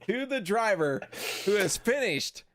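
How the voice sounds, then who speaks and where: A man's voice: high voice, sing-song, a little slow, a bit bright, slight background noise. A man with a standard American accent, interviewing racers in a casual, jokey, informal way. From United States. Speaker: race broadcast interviewer. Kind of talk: casual post-race interview.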